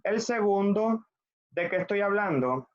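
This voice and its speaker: Higher-pitched Colombian man teaching French. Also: lively intonation, unhurried, muffled recording. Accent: Colombian Spanish. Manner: patient, drills conjugations with students repeating. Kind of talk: classroom lesson over video.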